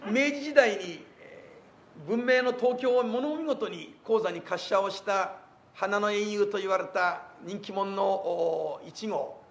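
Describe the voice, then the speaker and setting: An older man telling stage reminiscences in rough, colloquial speech with wry asides. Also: sits high, slow pace. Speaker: comic storyteller.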